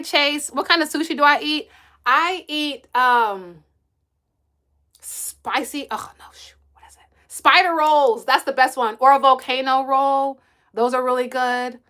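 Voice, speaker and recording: High-voiced chatty woman streamer. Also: a bit bright. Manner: chatty, laughs often, answers viewers directly. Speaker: livestream host and kids' coach. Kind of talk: casual live-stream chat reading comments.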